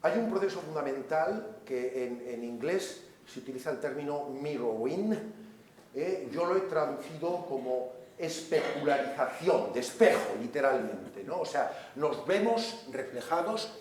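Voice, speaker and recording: A man's voice: on the high side, expressive, a little slow, darkish tone, slight background noise. A man giving a seminar lecture in a large hall. He explains step by step, often checks in with the audience, and briefly acts out the voices he quotes. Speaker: seminar speaker and author. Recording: very echoey hall recording.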